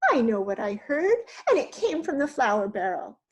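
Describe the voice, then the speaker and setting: A woman's voice: on the high side, sing-song, normal speed. A woman voicing a grumpy male giant who keeps complaining about his food. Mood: grumbling.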